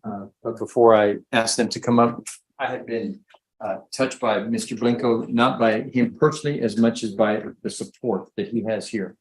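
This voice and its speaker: Deferential man attorney, medium-pitched voice. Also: fairly even intonation, moderate pace, slight background noise, rough recording. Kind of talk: addressing a judge in court. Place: courtroom.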